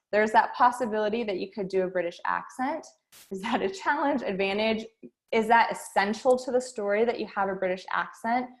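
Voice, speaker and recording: Woman coaching through questions. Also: medium pitch. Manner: guiding students with a string of questions. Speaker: speech and debate coach. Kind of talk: online workshop lesson.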